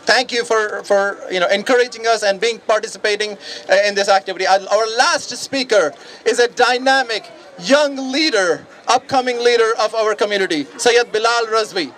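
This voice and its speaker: A man's voice: high voice, normal speed, a bit bright, slight background noise. A man emceeing a rally outdoors, thanking a speaker and introducing the next in a hesitant, polite way. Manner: hesitant, many fillers and restarts, polite. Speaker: event emcee. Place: outdoors at a street demonstration.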